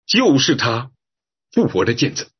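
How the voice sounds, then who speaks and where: A male pastor with a very husky, breathy voice gives an earnest sermon, telling a story and then leading a prayer. His voice sits at an ordinary middle pitch. The recording is dull and lo-fi. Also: huge pitch swings. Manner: earnest storytelling preacher, drawn-out phrases with filler "哈".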